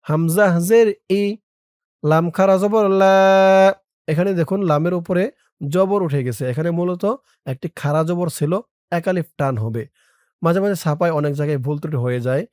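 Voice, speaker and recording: A teacher spelling out an Arabic prayer word by word for viewers, stretching the recited words slowly and explaining quickly in between, addressing listeners directly. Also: mid-range voice, darkish tone, clean tone, no room sound, clean studio sound. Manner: slow drawn-out recitation, quick plain explanations.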